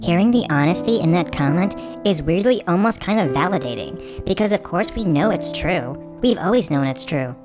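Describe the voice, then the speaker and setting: Actress as earnest female critic, slightly low voice, dramatic reading, prominent guitar music. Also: expressive, normal speed, hardly any pauses, natural voice. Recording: loud guitar music behind the voice.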